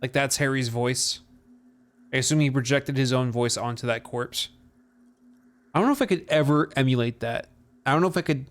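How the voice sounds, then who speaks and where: A man's voice: medium pitch, moderate pace, pauses often. A man streaming a game, chatting casually and swearing freely. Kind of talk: casual gameplay commentary.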